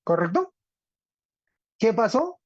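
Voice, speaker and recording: A man's voice: sits high, very animated, slow pace, breathy edge, no echo. A man teaching a Greek class online, explaining step by step and often checking in with his students. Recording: dull, dry lo-fi audio.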